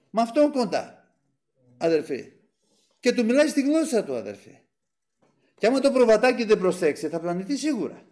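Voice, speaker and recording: A Greek man preaches with fervor in a high-sitting, mellow voice. He swells on key phrases and often speaks directly to the brethren.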